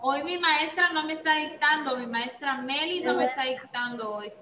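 A woman teaching an online class over a video call, patient and encouraging, repeating words slowly. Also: high-pitched. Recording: roomy video call with background hiss.

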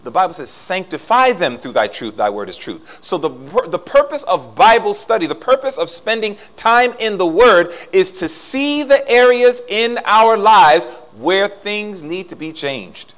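Animated preaching man with lively pitch. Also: measured pace, hardly any pauses, poor audio. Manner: animated preaching, swinging between loud emphasis and soft asides. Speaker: pastor. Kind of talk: sermon. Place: church sanctuary.

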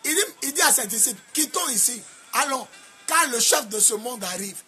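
High, bright Ivorian preacher man. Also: expressive, moderate pace, faint music behind. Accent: Ivorian French. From Côte d'Ivoire. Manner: sing-song preaching cadence with sudden shouts. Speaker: apostle preacher. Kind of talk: sermon.

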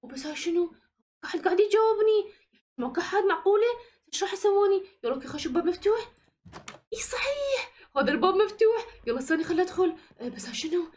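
Very high, rapid Iraqi woman gamer. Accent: Iraqi Arabic. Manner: excitable, breathless exclamations of fear. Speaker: YouTube gamer narrating a Minecraft role-play. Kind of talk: acted game role-play voiceover.

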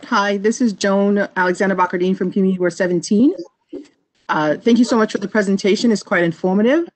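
A woman's voice: medium pitch, quick pace, a little mellow. A woman from a community board asking polite, probing questions on a video call meeting.

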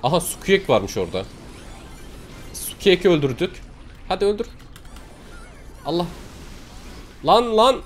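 A young male gaming YouTuber gives lively commentary on his match. His voice sits high, and he yelps, curses and cheers as the play turns. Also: unhurried, pauses often, slight background noise. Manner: loud, excitable, yelps and swears during play. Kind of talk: excited gameplay commentary.

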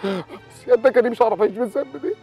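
A man's voice: very high voice, very fast, warm tone, faint music behind. An actor with an Egyptian accent playing a desperate young man who begs and pleads while tied up. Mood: pleading. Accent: Egyptian Arabic. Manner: urgent, pleading, emotional. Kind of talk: Egyptian TV drama acting.

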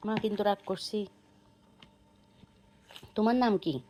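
A young mother in a home video, coaxing her toddler to eat with sing-song, gently scolding baby talk. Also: mid-range voice, slow, slight background noise.

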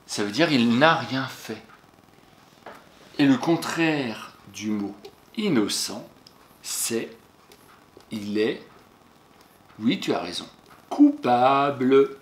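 A male teacher with a mid-range, expressive voice corrects a young pupil's exercise answers extremely slowly, with long pauses. He addresses the child directly and spells words out letter by letter, patiently. The classroom recording is echoey, with a little hiss or hum.

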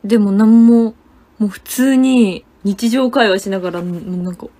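A young woman telling a story in casual livestream chat, animated and laughing often, with lots of fillers. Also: on the high side, moderate pace. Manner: chatty, many fillers and gesturing words. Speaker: idol livestreamer.

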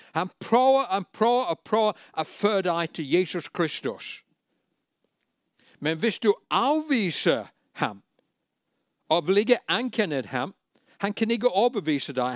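High-voiced preacher man, emphatic. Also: dry recording. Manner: emphatic, repeats key phrases, plain and direct. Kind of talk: sermon.

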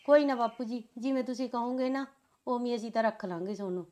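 A woman's voice: on the high side, fairly even intonation, fast talker, dark tone, lightly acted. A woman playing a scheming daughter-in-law who sweet-talks her husband's family. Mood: placating. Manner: placating, sweet-talking.

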